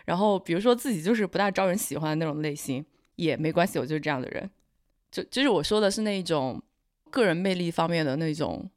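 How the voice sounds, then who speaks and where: A woman with a slightly low, steady-sounding voice talks as a podcast co-host. She comes across as composed, cool and rational while chatting reflectively. The sound is dry, with little room on it. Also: fast talker, no echo. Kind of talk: casual reflective chat.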